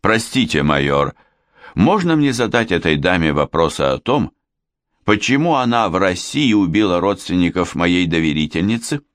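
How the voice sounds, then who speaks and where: Brief: courteous, probing lawyer, voiced by a male narrator, low and lively, dry booth. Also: moderate pace, dry recording. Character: polite shrewd lawyer, middle-aged man.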